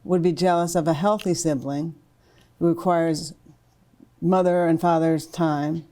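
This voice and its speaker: A woman hosting a podcast interview, asking sympathetic questions with soft interjections. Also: low voice, fairly even intonation, a little slow. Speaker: podcast host.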